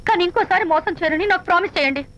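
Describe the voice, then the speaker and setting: An actress playing a young bride who talks quickly, pouty and emotional, in a film scene. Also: female voice, very high voice, bright, forceful tone, a little hiss or hum, low-quality recording. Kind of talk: Telugu film acting. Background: film score music.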